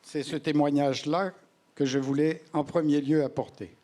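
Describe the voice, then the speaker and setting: A man gives testimony on a panel, speaking deliberately, phrase by phrase with pauses. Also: a little high, steady tone, mellow. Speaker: panelist, neighbourhood resident.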